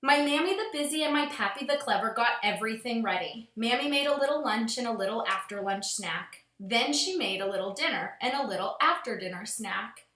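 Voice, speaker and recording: Reading a kids' storybook in an expressive, teacher-like manner, this woman has a somewhat high voice and moves briskly with hardly any pauses. The recording comes from a spacious room in her home.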